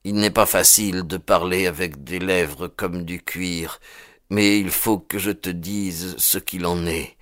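A man voicing a weary, gentle frontiersman, very deep. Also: fairly even intonation, dry recording, clean studio sound. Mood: tender. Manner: slow, grave, tender speech. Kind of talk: audiobook character voicing.

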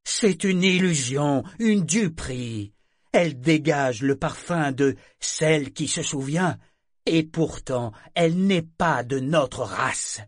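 Brief: man reading an old bitter sea serpent, deep-set, slow and grave, dry close sound. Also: steady tone, no room sound. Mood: agitated. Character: ancient male sea serpent, maned, troubled and bitter.

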